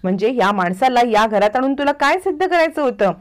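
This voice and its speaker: An indignant middle-aged mother from a family television drama, reproachful and demanding answers, as a woman reads her lines. The voice is fairly high. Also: animated, fairly quick, natural voice.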